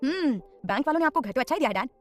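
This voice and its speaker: A woman's voice: high-pitched, expressive, rapid-fire, soft background music, pitched above the performer's own voice. A woman voicing a cheeky, teasing young woman.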